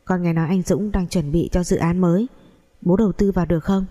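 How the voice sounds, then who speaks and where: A woman's voice: fairly low pitch, fairly even intonation, brisk, dark tone, big-room sound, lightly acted. A woman voicing a spoiled young woman who talks in an insistent, sulky way.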